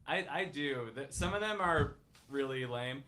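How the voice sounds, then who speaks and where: A man of thirty talks casually about his music, hesitant and easygoing, often stopping to restart a thought. His voice sits at a middle pitch with a bright edge. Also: lively intonation, unhurried. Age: 30s. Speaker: musician guest. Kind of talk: casual chat.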